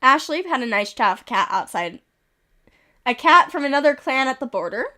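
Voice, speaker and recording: A woman's voice: high voice, big pitch swings, bright, forceful tone. A woman streaming a game, reading events aloud with amused asides, a little sick with occasional coughs. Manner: reads events with quick amused asides and chuckles.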